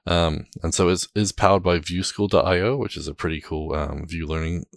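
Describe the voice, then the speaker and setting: A man hosting a tech podcast, leading segments in a relaxed, upbeat casual chat. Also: low voice, a little fast, creaky, no echo. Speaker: podcast host.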